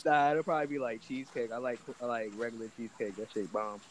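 A man's voice: mid-range voice, fast, slight background noise. A man with an American accent in casual, slangy, profane co-host chat, joking around. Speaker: podcast co-host.

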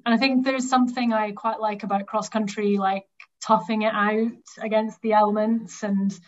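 A woman speaks in a Highland Scottish accent at a medium pitch. She is chatty and thinks aloud as she answers in a casual interview. The recording is a little dull and lo-fi. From Highlands of Scotland. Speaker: cross country runner being interviewed.

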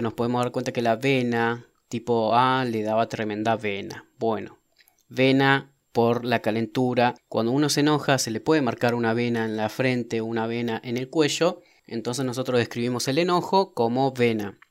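A young man from southern Argentina with a local Argentine accent, chatting quickly about local slang and swallowing his S sounds. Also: mid-range voice, smooth, dry recording. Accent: Argentine Patagonian Spanish. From Comodoro Rivadavia, Argentina. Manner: fast-talking, drops his S sounds, playful. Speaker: host explaining local slang. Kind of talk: casual explanatory monologue.

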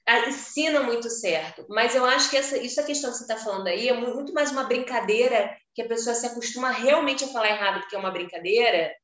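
Bright-voiced Carioca woman, animated. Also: fast, hardly any pauses, roomy sound. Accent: Carioca Brazilian Portuguese. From Rio de Janeiro, Brazil. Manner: animated, swooping pitch when telling stories. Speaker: podcast co-host. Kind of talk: casual chat.

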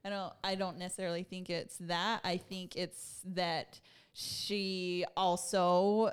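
A woman's voice: lowish voice, level tone, takes it slowly, clean tone. A woman speaking thoughtfully and agreeably in a casual group conversation.

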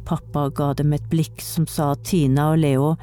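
A woman reading a children's storybook aloud in a clear, steady way. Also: sits low, soft background music. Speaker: narrator.

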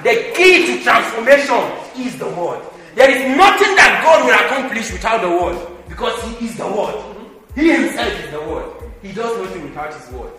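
High-pitched, fiery preacher in an echoey room. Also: male voice, sing-song, normal speed. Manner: shouts bursts of speaking in tongues and laughs; voices God in the first person. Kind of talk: charismatic sermon.

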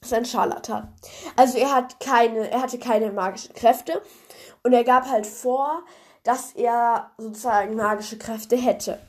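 Congested and nasal from a cold, this young podcast host rambles through a fairy tale with plenty of fillers. Her voice is on the high side with a darkish tone, fairly even intonation and a slightly slow delivery.

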